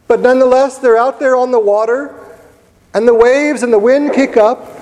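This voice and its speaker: High-voiced man preaching in a reverberant church. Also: a little mellow. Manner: storytelling, conversational, with pauses and repeated words. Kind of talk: sermon. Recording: long reverb of a large church hall.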